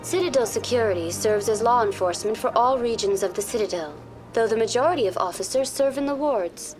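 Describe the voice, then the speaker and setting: An actress plays a polite, informative female virtual intelligence tour guide in a sci-fi video game, calm and programmed, delivering scripted informational dialogue. Her voice is high and natural, with a brisk, formal, courteous, precisely worded delivery. Music plays underneath.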